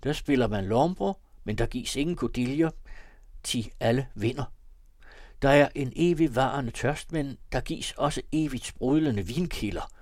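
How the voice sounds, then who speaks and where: A man's voice: mid-range voice, animated, a little mellow, dry recording, lightly acted. Man voicing a mocking dying young rake. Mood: wry. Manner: wry, ironic, rambling fancy. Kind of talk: audiobook reading of a classic novel.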